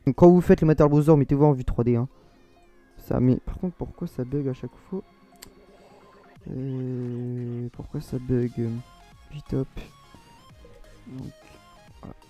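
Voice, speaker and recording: A Frenchman with a French accent narrates a screen-recorded modding tutorial in a mid-range, very dark and mellow voice, with fairly even intonation and a measured pace. He rambles, hesitates, pauses often and corrects himself, while faint music plays underneath.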